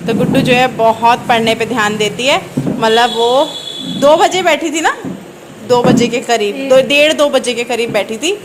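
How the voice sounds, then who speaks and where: A woman's voice: fairly high pitch, moderate pace, noisy background. A middle-aged woman from North India narrating a casual home vlog, chatting and explaining each step while she cooks. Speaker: vlogger. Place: home kitchen.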